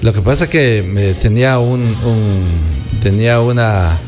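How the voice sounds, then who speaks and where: A man, a guest who is an architect, telling travel anecdotes in a relaxed, meandering way. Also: fairly low pitch, soft background music. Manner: unhurried, meandering storyteller.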